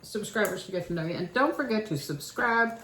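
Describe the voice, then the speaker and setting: A woman's voice: mid-range voice, expressive, a little fast, fairly bright tone. An older woman with a Kentucky accent, chatting in a folksy home vlog about her own childhood. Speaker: channel host. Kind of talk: casual home vlog chat. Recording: echoey room with faint noise.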